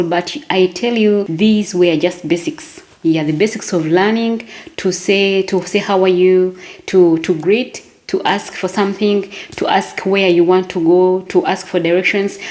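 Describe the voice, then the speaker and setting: A woman's voice: lowish voice, a little mellow. A young woman from Uganda talking casually to camera in a vlog, chatty, often repeating words and restarting as she goes. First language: not French; English-speaking. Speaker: vlogger.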